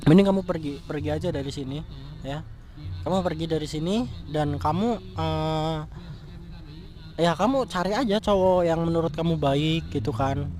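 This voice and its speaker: A man's voice: on the high side, normal speed, darkish tone, soft background music, lightly acted. A man playing a furious young man who scolds and curses his cheating fiancée in a scripted street drama. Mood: angry. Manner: angry scolding, cursing. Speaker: jilted fiancé.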